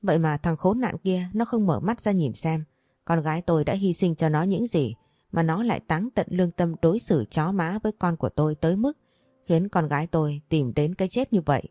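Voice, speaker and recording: Hot-tempered old father in an audiobook, rapid and furious, read by a woman; low, mellow, dry. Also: dry recording, close to an everyday voice. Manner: furious, rapid shouting threats.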